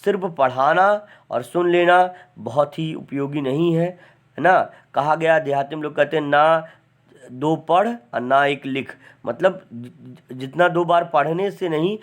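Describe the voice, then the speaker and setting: Brief: male grammar teacher, slightly high-pitched, chatty and deliberate. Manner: chatty, repeats "है ना" often; dictates word forms slowly and deliberately. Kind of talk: online class lecture.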